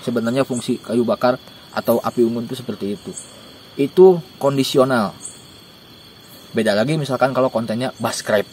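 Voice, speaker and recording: A young man giving joking, animated camping tips outdoors in a dark forest at night, recorded by a camera a few steps away. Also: medium pitch, moderate pace, pauses often, a little hiss or hum. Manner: joking, animated, gestures while talking. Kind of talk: casual outdoor interview. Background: faint insects and crickets.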